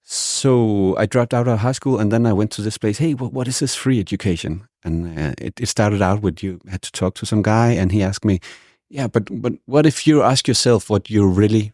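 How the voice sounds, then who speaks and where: A man's voice: lowish voice, darkish tone, dry recording, studio quality. A man from Denmark, a guest musician, answering interview questions casually and hesitantly, with many restarts.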